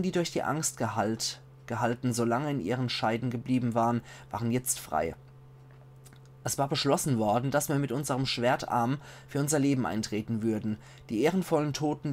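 Male Let's Play commentator, Palatinate German accent, mid-pitched, steady reading voice, faint hum behind. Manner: measured reading voice, slows for foreign titles. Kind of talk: reading game texts aloud with casual asides.

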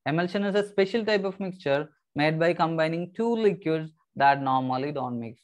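A man's voice: fairly high pitch, brisk. A man in his thirties with a South Indian Tamil accent teaching a science lesson, switching between English and Tamil and repeating key phrases in a didactic way.

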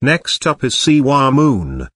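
A man narrating scripted commentary as host in a formal, deadpan way. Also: medium pitch, slow, music in the background.

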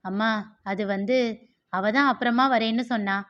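A woman's voice: mid-range voice, fairly even intonation, normal speed, a bit bright, natural voice. A woman voicing a weary young man who speaks in a subdued, sorrowful tone. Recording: dull lo-fi recording.

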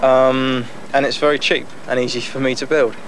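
A young man speaking casually in an interview outdoors on a boat deck, relaxed and chatty, with frequent fillers and laughs. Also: mid-range voice, normal speed. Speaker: amateur boat builder. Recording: noisy outdoor 1990s news tape.

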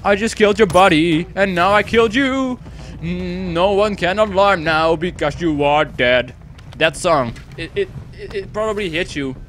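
A man's voice: sits high, moderate pace, fairly bright tone, a little hiss or hum. A young man from the Netherlands giving goofy, rambling let's-play commentary, swearing a lot and breaking into silly singing. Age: young adult. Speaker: gaming channel host.

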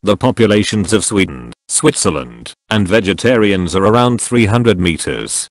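A man narrating forum posts aloud in an even, unhurried reading delivery. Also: fairly low pitch, dry recording. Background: faint background music.

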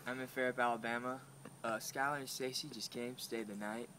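A man speaking softly as he wishes travelers a safe trip. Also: medium pitch, fairly even intonation, a little fast, slight background noise. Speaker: host giving a farewell.

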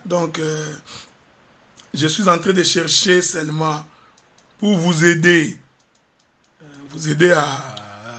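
High husky preacher, slow and emphatic. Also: male voice. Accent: Congolese French. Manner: rising to an animated, emphatic delivery; asks the congregation "do you understand?". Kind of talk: sermon.

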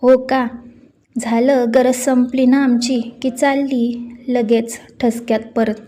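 A sharp-tongued, greedy middle-aged aunt scolds and taunts, put on by a woman storyteller. The voice sits a little high but barely rises or falls, with a mellow, dark tone. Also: flat delivery, slow pace. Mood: taunting.

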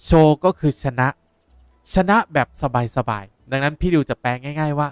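A young man, a language teacher explaining words in a lively way while playing a game. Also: a little high, moderate pace, clear, resonant tone, no echo, studio quality. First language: Japanese. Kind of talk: game playthrough lesson.

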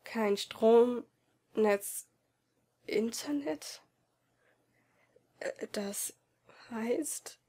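A timid teenage boy, hurt and withdrawn, murmurs his words, as a woman reads him in a storybook audiobook. He speaks hushed and hesitant and often drops to a near whisper. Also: a little high, fairly even intonation, slow pace, slightly rough, full character voice. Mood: uneasy. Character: anxious shy teenage boy, quiet and hurt. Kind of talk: amateur audiobook reading.

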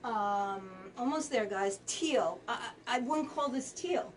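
A woman's voice: on the high side, lively intonation, slow, recorded from a distance, slight background noise. A woman hosting a live fabric sale, chatting casually as she reads out color names. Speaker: quilt shop host.

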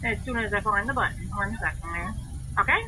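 Brisk woman on a drive-through speaker. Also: medium pitch, pushed and bright, slight background noise. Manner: brisk, routine order-taking. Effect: heard through a drive-through speaker.

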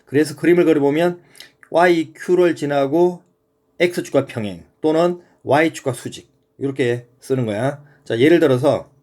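A man's voice: a little high, unhurried, a little mellow. A man teaching a middle-school math lesson in a casual, conversational way, often checking that the student follows.

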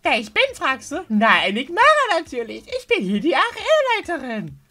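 High, cute anime streamer girl. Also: very animated, moderate pace, fairly bright tone, exaggerated voice. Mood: bubbly, showy. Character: hyper, cute young female anime streamer and gym leader. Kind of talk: dubbing video game dialogue.

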